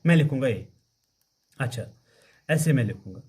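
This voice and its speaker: A man teaching an English grammar lesson in a classroom style, spelling words out slowly and asking questions he then answers himself. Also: medium pitch, lively intonation, darkish tone, breathy edge. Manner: slow, spells words letter by letter, asks and answers his own questions.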